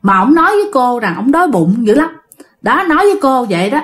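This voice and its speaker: A woman's voice: sits high, big pitch swings, fast talker. Chatty woman telling a ghost story. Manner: chatty, addresses listeners directly. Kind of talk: casual ghost story narration.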